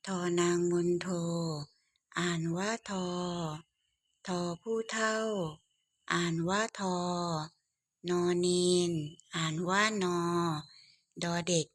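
A woman teaching the alphabet to children, reading each letter slowly and clearly in a steady repetitive drill. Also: on the low side, dry recording, studio quality.

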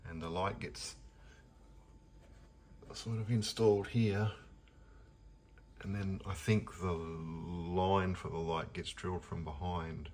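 With a deep, steady, slightly mellow voice, he takes his time and leaves long pauses while wandering through his kitchen and pantry. It's a rambling, filler-heavy home tour recorded indoors on a handheld phone camera, with slight background noise.

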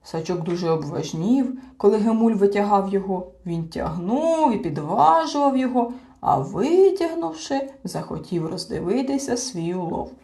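Animated woman narrating a fairy tale. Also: medium pitch, normal speed, hardly any pauses. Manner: expressive, animated reading. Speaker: storyteller. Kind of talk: scripted audiobook narration.

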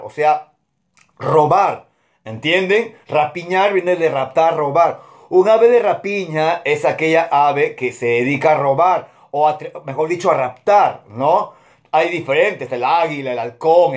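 A man teaching children English animal words in Spanish, repeating each word slowly and often asking if they follow. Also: fairly high pitch. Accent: Peruvian Spanish. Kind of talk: online English vocabulary lesson for children.

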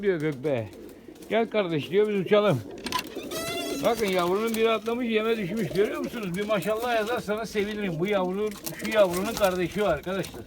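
A man's voice: sits high, a little hiss or hum. Chatty man at his pigeon loft. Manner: chatty, repeats words, calls viewers "friends". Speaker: pigeon keeper vlogger. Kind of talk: casual outdoor vlog talking to viewers. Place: outdoors at a pigeon loft, birds cooing.

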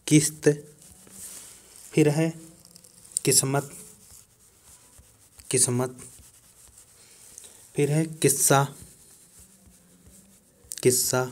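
A man teaching a lesson, reading a word list slowly and saying each word twice. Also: mid-range voice, darkish tone. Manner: slow, repeats each word twice while writing on a board.

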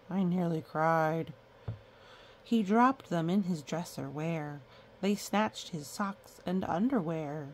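A woman storyteller reads a picture book aloud to children, unhurried, her medium-pitched, slightly mellow voice carrying a noticeably creaky edge. She's playful, adding chatty little comments for the kids and counting in a sing-song way. The recording has some background noise.

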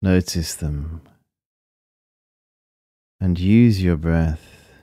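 Speaking in a low voice, a man walks listeners through a guided breathing exercise, calm, soothing and unhurried, with short phrases and long pauses. The sound is clean studio audio with no echo.

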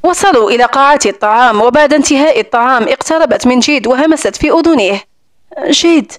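A woman narrating a romance novel audiobook in a steady, even storytelling manner. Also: sits high, quick pace. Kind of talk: scripted narration.

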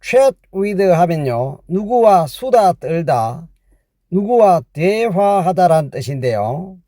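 A man teaching a spoken language lesson, patiently repeating phrases slowly for learners. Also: sits high, very animated, mellow, dry recording, clean studio sound.

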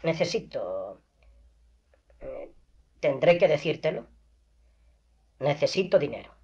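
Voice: medium pitch, very animated, slow, creaky, darkish tone, full character voice. A reader voicing a desperate, proud young woman in poverty, pleading and agitated, in an audiobook reading on a dull lo-fi recording.

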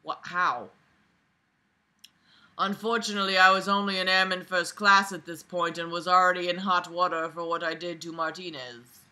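Her pitch sits fairly low and her intonation stays fairly even as she reads at a moderate pace with a sharp edge. Stretched out on a bed in a small bedroom, this twentysomething woman mocks the material and interrupts herself with casual, profane, exasperated sarcasm.

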